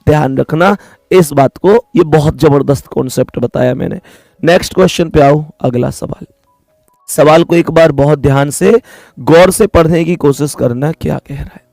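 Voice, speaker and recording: A man's voice: on the high side, moderate pace, vocal fry, a little mellow, no room sound, studio quality. A young man teaching an online exam-prep reasoning lesson, chatty, repeating key points and calling his students dear children.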